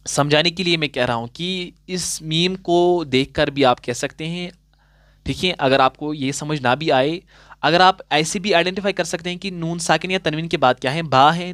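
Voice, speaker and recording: A man teaching Quran recitation rules in a patient classroom style, asking questions and answering them himself, and slowing down to recite example verses. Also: on the high side, a bit bright, dry recording, studio quality. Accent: Urdu-inflected Hindustani. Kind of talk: classroom-style tajweed lesson.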